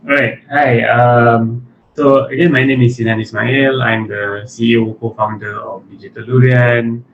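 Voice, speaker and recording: A Malaysian man who is chief executive of an animation studio chats casually as an interview guest, speaking with a Malaysian accent. His voice is medium-pitched and steady, at a measured pace. The audio is muffled and lo-fi, with faint noise.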